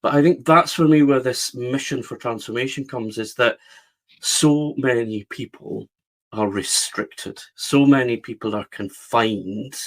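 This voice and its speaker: A medium-pitched, unhurried man, a middle-aged publisher from the west of Scotland with a West of Scotland accent, is a guest in a reflective storytelling interview. He speaks earnestly, with frequent restarts in which he repeats words.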